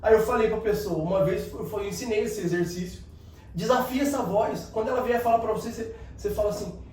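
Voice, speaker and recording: High-voiced man coaching emphatically. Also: quick pace, darkish tone, a little hiss or hum. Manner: emphatic, coaching the listener directly. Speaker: motivational speaker. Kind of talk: motivational talk. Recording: very echoey room, distant mic, faint ambience.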